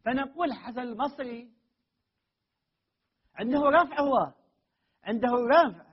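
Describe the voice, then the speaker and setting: A man whose voice is high and husky gives a classroom lecture on grammar, teaching Arabic grammar and Quran readings. He explains slowly, repeats his points, and rises to hard emphasis on key words. The recording sounds dull and lo-fi.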